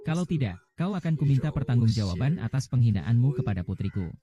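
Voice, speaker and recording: A man's voice: medium pitch, lively intonation, fast talker. A man reading every part of a dubbed short drama as voice-over, with little change from one character to the next.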